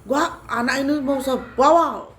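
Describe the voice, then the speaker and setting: A woman takes on a defiant possessing spirit that shrieks its refusals in a high, Javanese-tinged voice. It is loud and hostile, and it never backs down. The voice jumps well above the teller's own. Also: unhurried, a little hiss or hum. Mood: threatening. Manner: shrieking, shouting challenges.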